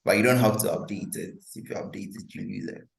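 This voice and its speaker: A man presenting a workshop, giving relaxed step-by-step software instructions over a video call. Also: fairly low pitch, fast, creaky. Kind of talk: software demonstration. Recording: echoey room.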